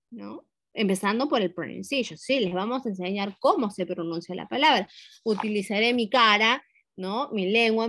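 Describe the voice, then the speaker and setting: A woman's voice: mid-range voice, fairly bright tone, dry recording. A woman who teaches English, explaining a lesson to fellow teachers step by step, often ending points with tag questions and mixing in English teaching terms. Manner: mixes English teaching terms into her speech. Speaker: English teacher giving a training session.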